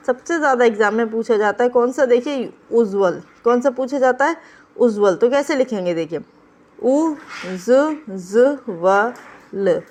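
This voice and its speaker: High-voiced woman teaching an exam class. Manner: explains and repeats key words, checking in often. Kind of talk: online exam-prep class.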